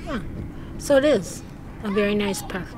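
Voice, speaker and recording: A woman's voice: medium pitch, lively intonation, moderate pace, noisy background. A middle-aged woman chatting agreeably outdoors on a travel vlog, filmed with a camera at arm's length. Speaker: travel vlogger. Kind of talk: casual travel vlog chat. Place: outdoors by a desert campground. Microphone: camera held at arm's length.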